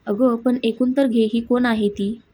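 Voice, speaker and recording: A woman reading the lines of a sly, mocking middle-aged aunt, in a husky voice. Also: fairly high pitch, fairly even intonation, measured pace, mellow.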